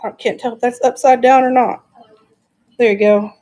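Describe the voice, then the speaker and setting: A woman's voice: a little high, fairly even intonation, normal speed, warm tone, highs cut off. A woman hosting a casual live-stream auction, chatting enthusiastically and thinking aloud as she shows each item.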